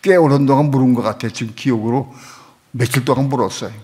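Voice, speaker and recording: A middle-aged male pastor delivers a sermon as a heartfelt personal story. He drops to a near hush, then builds to loud, emphatic repetition. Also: mid-range voice, fast. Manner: emotional storytelling, swings from hushed to loud.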